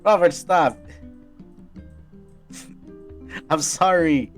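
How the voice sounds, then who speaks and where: Young dude cohosting a game stream, laughs a lot, does goofy voices in stories, music faint behind. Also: male voice, a little high, extremely slow. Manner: animated, laughing, puts on voices in anecdotes. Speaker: let's play co-host. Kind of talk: casual gaming chat.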